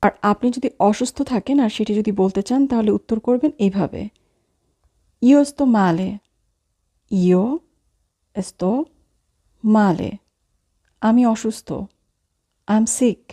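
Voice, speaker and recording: A woman teaching a language lesson, saying each phrase and then repeating it slowly word by word. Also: a little high, dark tone. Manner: slow, careful, spelling out each word.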